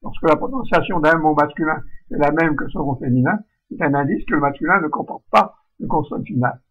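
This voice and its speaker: Husky-voiced man teaching spelling. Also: on the high side, phone-quality sound. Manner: slow, demonstrative, models sounds aloud. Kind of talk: recorded lesson on vowel sounds and spelling.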